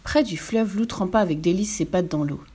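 A woman's voice: lowish voice, fairly quick, breathy edge. Woman reading a children's story aloud. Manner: lively, expressive reading.

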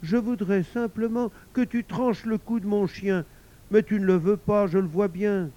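A man voicing a sulky, sharp-tongued wife who whines and reproaches her husband. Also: high-pitched, steady tone, a little slow, highs cut off, voice pushed up. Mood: indignant. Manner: whining, reproachful, theatrical.

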